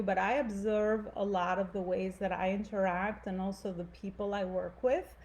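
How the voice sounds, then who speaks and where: A woman from Albania, speaking with an Albanian accent, gives an earnest motivational talk to live viewers. Her medium-pitched voice is a little mellow, and her conversational style leans on frequent "right?" and "you know."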